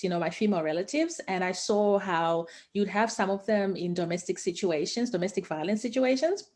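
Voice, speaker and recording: A woman from Zimbabwe, talking enthusiastically and passionately as a guest in a casual interview. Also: mid-range voice. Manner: enthusiastic and passionate, with many fillers. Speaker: guest, founder of investing education company.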